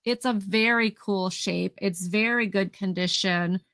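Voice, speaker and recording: Slow-talking woman with a bright voice. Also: mid-range voice, fairly even intonation, dry recording. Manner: chatty, describes items in detail and counts down sales. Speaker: host of a live vintage sale. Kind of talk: casual live-stream selling.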